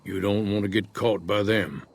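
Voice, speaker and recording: An actor voicing a retired old male prospector in a video game, speaking in an unhurried folksy drawl. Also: fairly low pitch, steady tone, gravelly, no echo. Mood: easygoing. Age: older. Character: weathered old male prospector, laid-back and wary. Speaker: retired prospector in a frontier town.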